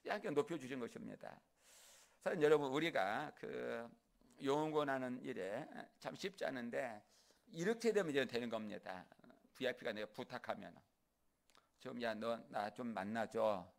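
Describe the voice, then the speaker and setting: A man's voice: mid-range voice, moderate pace, creaky. A man preaching a sermon as pastor, acting out the lines of biblical figures in a conversational way and having the congregation repeat phrases after him. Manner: acts out biblical characters' lines in quoted speech, lively and conversational.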